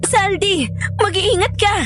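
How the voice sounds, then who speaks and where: An anxious young wife in an audio horror story, her voice sitting extremely high. She pleads and cries easily, devoted to her husband and afraid for him. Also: unhurried, over music. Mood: defiant. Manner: pleading, emotional, tearful.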